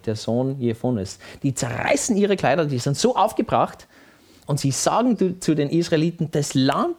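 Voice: medium pitch, a little mellow. A Bible teacher, giving an emphatic teaching talk and often checking with the listener.

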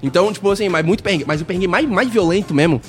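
Fast-talking animated young man. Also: high voice, faint music behind. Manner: animated storyteller acting out quoted voices. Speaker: guest. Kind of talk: casual radio chat, storytelling.

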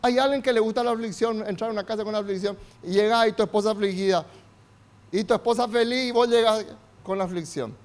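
A man delivers a sermon in a very high voice. He calls on the congregation to repeat after him, and his delivery climbs to shouting. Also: fast. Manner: call-and-response preaching, builds to shouts. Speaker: pastor.

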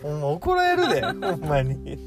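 A man's voice: on the high side, wildly swooping pitch, moderate pace. A man from the Kansai region with a Kansai accent, chatting casually as a guest friend, laughing often and teasing with dry retorts. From Kansai, Japan. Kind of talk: casual chat. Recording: background music under the voices.

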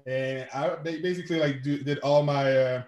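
This interview guest, a man from Quebec City who founded a sport and coaches it, speaks French natively and carries a Québécois accent. His medium-pitched voice is steady, a little mellow and moderately paced as he rambles casually with frequent fillers and restarts. The audio is reverberant and muffled.

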